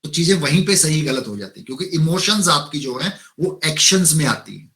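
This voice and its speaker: A man's voice: on the high side, expressive, brisk, a bit bright. Indian man giving a motivational lecture. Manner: lecturing, mixes English terms and lists, frequent "है ना?" tag. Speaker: webinar resource speaker. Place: online webinar. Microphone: video call.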